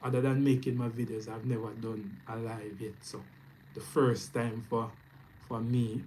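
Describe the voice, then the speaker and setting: A man from Jamaica with a Jamaican accent, chatting loosely on his first live stream and giving upbeat shout-outs to viewers. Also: medium pitch, little pitch movement, moderate pace, a little hiss or hum, poor audio. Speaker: YouTube trading streamer. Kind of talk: casual live stream chat. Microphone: camera mic, speaking to camera.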